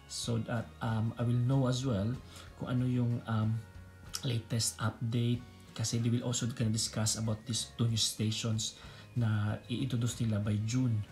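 A man's voice: mid-range voice, little pitch movement, normal speed, a little mellow, soft background music. A man in his thirties with a Filipino accent and Bisaya as his native language, mixing Tagalog and English as he explains things in a casual instructional vlog. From Philippines. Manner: mixes Tagalog and English (Taglish). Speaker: nurse educator, video host. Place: small room indoors.

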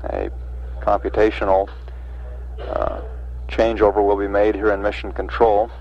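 A man giving halting, unscripted spaceflight commentary as a mission control announcer, with a gravelly voice. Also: on the low side, flat delivery, slight background noise. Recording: dull vintage mission broadcast audio.

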